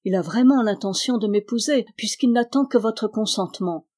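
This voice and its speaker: Modest, sad young shepherdess from an old tale, soft-spoken, voiced by a woman with a warm, mellow tone. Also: mid-range voice, normal speed, natural voice.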